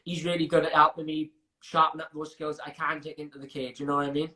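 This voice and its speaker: Young Welsh fighter, guest in an interview: chatty, rambling, full of restarts, with a bright and slightly high voice. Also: male voice, level tone, quick pace. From Wales. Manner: chatty, frequent restarts and fillers, laughs while telling stories. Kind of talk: casual interview chat.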